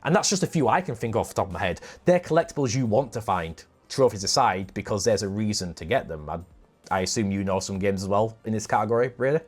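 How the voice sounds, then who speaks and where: A man's voice: fairly low pitch, lively intonation, fast talker, soft background music. A man with a northern English accent, hosting a casual gaming podcast in a chatty, self-mocking way. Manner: chatty, laughs at himself. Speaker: podcast host.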